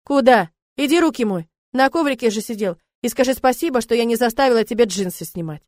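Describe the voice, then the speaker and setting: A woman reading the part of a brisk, sharp-tongued woman economist who scolds in a tart way. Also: on the high side, animated, natural voice. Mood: scolding. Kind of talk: audiobook character voice.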